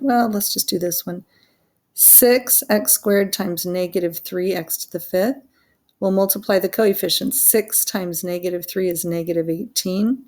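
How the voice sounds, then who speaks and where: A woman walks through a math worksheet in a relaxed teaching voice with a creaky, gravelly edge. She is chatty and self-deprecating, joking about her own mistakes as she explains each step. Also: mid-range voice. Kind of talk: recorded worksheet walkthrough lesson.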